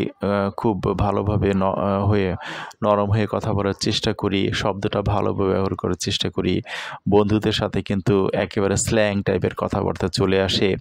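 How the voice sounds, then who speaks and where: A man with a low, gravelly voice teaching a lesson. He reads English phrases slowly, then explains them in a loose, unhurried way full of small pauses. The sound is dry and close. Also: no room sound.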